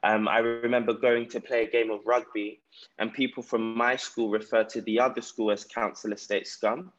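A man's voice: medium pitch, level tone, moderate pace, muffled recording, soft background music. A man with a South London accent telling his own story conversationally as an interview guest. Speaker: podcast guest, entrepreneur. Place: remote call from Ghana.

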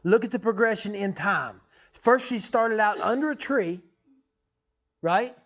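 Guy preacher, kinda high voice, folksy teaching sermon, muffled lo-fi sound. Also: a little slow, a bit bright. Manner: folksy, joking, checks in with listeners. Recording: dull, lo-fi sound.

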